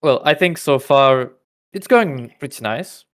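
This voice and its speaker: A man playing in a tabletop game, chatting out of character in an unhurried, teasing way. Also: medium pitch, expressive, a bit bright. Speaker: player. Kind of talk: casual out-of-character chat.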